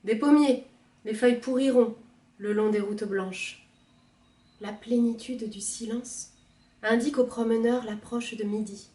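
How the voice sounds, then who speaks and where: A woman librarian reading a poem aloud in a measured, soft expressive manner. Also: a little high, far from the mic. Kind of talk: poetry reading. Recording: roomy, from the mic.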